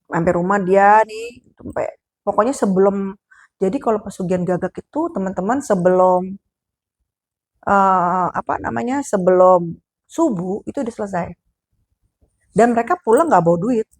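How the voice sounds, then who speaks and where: A woman's voice: mid-range voice, breathy edge. A woman with a Sundanese accent casually telling a horror story, chatty and addressing the listener directly as she goes.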